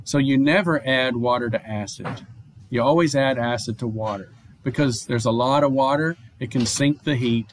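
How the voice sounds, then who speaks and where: A male chemistry professor giving a recorded online lecture, explaining at a steady pace with fillers, restarts and "okay?" checks. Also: medium pitch, normal speed, slight background noise. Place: home or office, online lecture.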